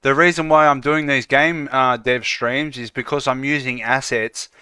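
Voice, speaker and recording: An Australian man chatting casually with viewers while building his game on a livestream, relaxed and full of "uh" fillers. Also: medium pitch, normal speed, clean tone, no room sound, clean studio sound. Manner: relaxed, lots of "uh" fillers, calls viewers "mate".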